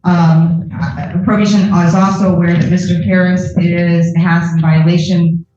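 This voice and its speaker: A woman's voice: on the low side, level tone, unhurried, dark tone, slight background noise. Woman probation officer on a courtroom recording. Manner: reads a formal report, with frequent ums and uhs. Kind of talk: formal court report. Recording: muffled, echoey courtroom recording from far off.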